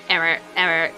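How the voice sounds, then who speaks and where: A woman voicing a glitching robot that repeats error messages in a flat, clipped monotone. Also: sits low, voice pushed down, heavily acted.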